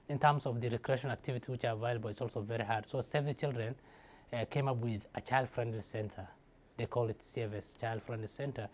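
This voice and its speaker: With a medium-pitched, slightly mellow voice and slight background noise, a young Somali interviewee recounts his life story casually and without a script, hesitating often and restarting amid many fillers.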